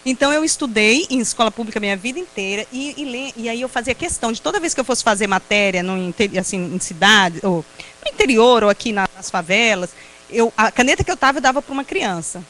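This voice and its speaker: Brazilian woman, Brazilian Portuguese accent, fairly high voice with a swooping, expressive pitch, testimony speaker who laughs easily and acts out the quotes. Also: quick pace, slight background noise, rough recording. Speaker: invited speaker at a prayer group. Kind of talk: personal testimony talk.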